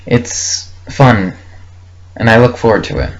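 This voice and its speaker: Speaking a little slowly in a lowish, expressive voice, a young man thinks aloud in an unscripted audio log. His rambling monologue comes in short, hesitant, reflective fragments, captured on muffled lo-fi audio with faint noise behind it.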